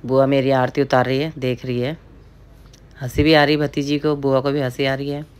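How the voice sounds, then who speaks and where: In a casual voice-over, a middle-aged woman from India's Pahari hills chattily describes a family ritual and keeps addressing viewers as friends. She has a rumbling low, smooth, slightly mellow voice, delivered flatly at a moderate pace.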